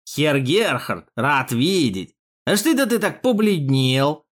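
A man's voice: on the high side, big pitch swings, slow, exaggerated voice. A man voicing a mocking, crude male police thug with a jeering manner in an audiobook. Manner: jeering, sneering, loud.

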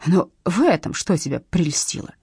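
A woman voicing a jealous husband who shouts accusations. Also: lowish voice, lively intonation, moderate pace, husky, no echo, studio quality, voice pushed down, exaggerated voice. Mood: accusing.

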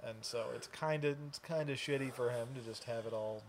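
A man's voice: mid-range voice, brisk, slight background noise. Laid-back male podcast co-host. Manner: laid-back, repeats words as he restarts. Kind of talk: casual TV recap chat.

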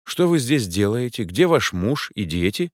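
A man voicing an excitable, anxious young male student. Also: mid-range voice, normal speed, no echo, clean studio sound, pitched above the performer's own voice. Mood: hushed. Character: young male student assistant, jumpy and money-minded.

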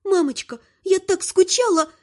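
A woman playing a scattered grown daughter, exclaiming and pleading with her mother. Her voice rises a touch above the narrator's high register. It is read as part of a fantasy audiobook. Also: moderate pace, mellow. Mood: emotional. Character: grown daughter, emotional, scattered dark ruler.

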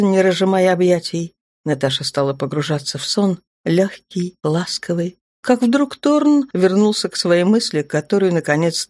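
A woman narrating a romance novel in an even, measured reading, recorded on a close mic. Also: on the low side, dry recording. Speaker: audiobook narrator.

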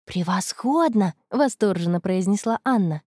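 A woman narrating an audiobook in an expressive manner. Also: mid-range voice, normal speed, dry recording, clean studio sound. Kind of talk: audiobook reading.

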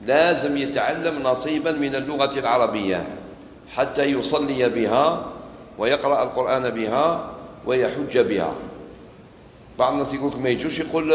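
Algerian-accented male preacher, chatty lesson style, mid pitch, roomy hall with long reverb. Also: slight background noise. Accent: Algerian Arabic. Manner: conversational, mixes formal and colloquial speech, acts out street dialogues. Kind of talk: Quran commentary lesson in Algerian Arabic.

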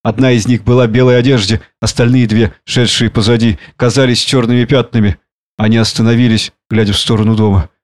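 Casting: male audiobook narrator, steady, mid-pitched storytelling. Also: brisk, no room sound.

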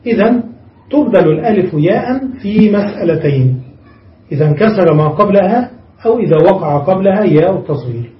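High-voiced man teaching grammar. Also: lively intonation, slight background noise. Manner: explains step by step, reads from a text and repeats examples slowly. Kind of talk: classroom grammar lesson. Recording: muffled, echoey room, mic far off.

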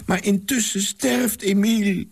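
A man doing a frantic high-voiced young woman. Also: fairly even intonation, measured pace, gravelly, husky, exaggerated voice. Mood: pleading. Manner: frantic, pleading. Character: desperate young woman, about nineteen.

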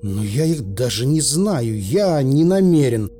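A man voicing a short bearded businessman who talks slowly, guilty and indignant. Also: on the high side, sing-song, warm tone, faint music behind.

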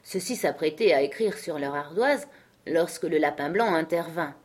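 An audiobook narrator, a woman, reads a classic storybook aloud in a calm, measured way. Her voice is lowish for a woman, steady and unhurried.

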